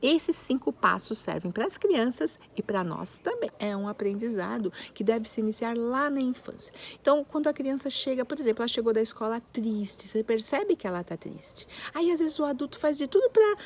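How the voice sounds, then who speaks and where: A woman's voice: on the high side, expressive, normal speed, hardly any pauses. A woman psychologist giving parenting advice, talking expressively and acting out little scenes as she goes. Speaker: child psychologist.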